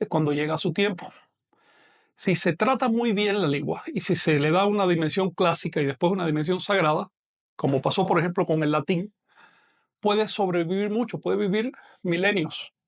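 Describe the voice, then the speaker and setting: A man giving an online language lecture, explaining patiently and slowing down to model pronunciation. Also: sits high. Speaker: language teacher.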